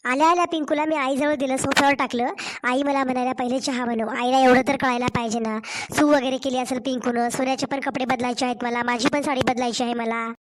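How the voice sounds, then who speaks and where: A hoarse young wife, voiced by a woman for a cartoon story, pouring out complaints in a Marathwada Marathi accent. Her voice is high and steady. She pleads and protests. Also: quick pace, natural voice. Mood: aggrieved. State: hoarse from a cold. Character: young wife and mother, aggrieved daughter-in-law.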